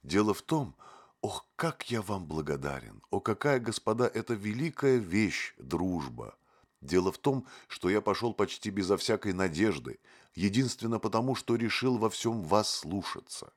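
A man voicing a naive, fawning young male poet who talks in a gushing, drawn-out way. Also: lowish voice, very animated, breathy edge, pitched above the performer's own voice.

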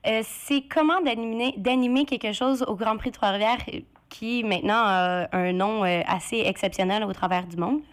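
A woman's voice: medium pitch, moderate pace, clean tone. A woman hosting a radio interview, friendly and asking prompting questions. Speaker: radio host.

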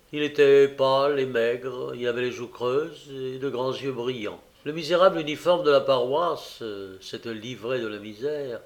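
A man narrating a classic novel as an audiobook reader, measured and expressive. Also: mid-range voice. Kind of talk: scripted narration.

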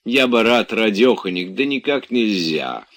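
A grumbling elderly manservant, voiced by a man reading an audiobook. His deep voice coaxes and nags, muttering complaints under his breath. Each plea is patient, stubborn and faintly exasperated. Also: expressive, unhurried, fairly bright tone. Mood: coaxing. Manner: grumbling, coaxing, then exasperated.

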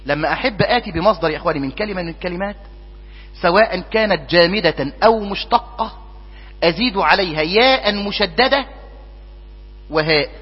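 A man with an Egyptian accent teaches in a high, breathy voice, prompting his class and then answering for them. The recording is muffled and lo-fi. His voice rings out with a long reverb through a lecture hall, and a mains hum runs underneath. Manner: asks the class questions and answers them himself. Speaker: teacher of Islamic jurisprudence. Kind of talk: classroom lesson.

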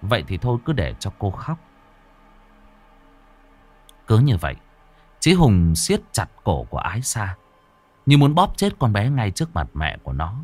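A man narrating a horror story in a slow, expressive, dramatic manner. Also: on the low side.

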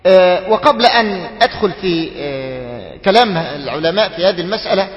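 A sheikh with an Egyptian accent teaches his students, moving between formal Arabic and everyday speech. He asks them questions and draws out their answers, and he slows down to chant each phrase when demonstrating it. His voice sits high, and it carries a long echo, as if recorded in a large hall. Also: expressive, muffled recording. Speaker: sheikh teaching a study circle. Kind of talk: Egyptian-colloquial lecture mixed with formal Arabic.

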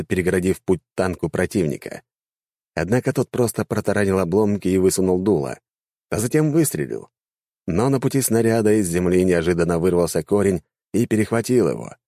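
A man narrating a fantasy war story with lively, dramatic delivery. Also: low-pitched, dry recording, clean studio sound.

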